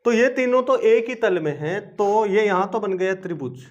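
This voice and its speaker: A man's voice: sits high, moderate pace. A man teaching a chemistry lesson. He asks questions and then answers them himself, repeating points in a coaxing way. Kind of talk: classroom-style video lesson. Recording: dull lo-fi video lesson recording.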